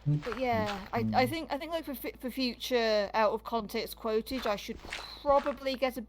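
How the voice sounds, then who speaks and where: A woman's voice: on the high side, normal speed, noisy background. A British woman chatting casually while gaming, in a rambling way with frequent stammered restarts. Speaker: gaming streamer. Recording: music behind the voice.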